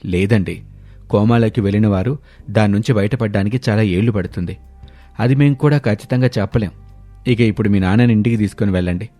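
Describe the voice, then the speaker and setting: A man voicing a calm, matter-of-fact middle-aged doctor. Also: lowish voice, brisk, faint music behind, natural voice. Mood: grave.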